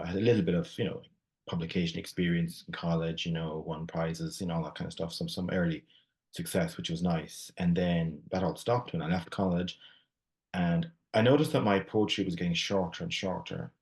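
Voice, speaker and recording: Irish man in his forties, low voice, relaxed guest answering questions with many fillers. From Ireland. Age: 40s. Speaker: poet, interview guest. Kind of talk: interview answers.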